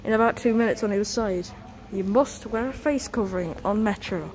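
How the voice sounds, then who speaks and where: A woman's voice: mid-range voice, fairly quick, a little mellow. A young woman with a North East English accent gives casual vlog commentary through a face mask, slightly muffled, announcing trains as she goes. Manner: announces train numbers and destinations. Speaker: host of a train-spotting vlog. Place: outdoors on a railway station platform. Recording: noisy outdoor station with vehicle noise.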